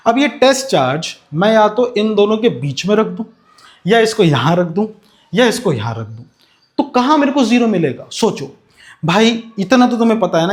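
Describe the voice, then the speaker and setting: A young man teaching physics in a lecture, calling students "beta" and asking questions he then answers himself. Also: high voice. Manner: slows down to dictate notes in English. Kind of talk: classroom lecture with animation.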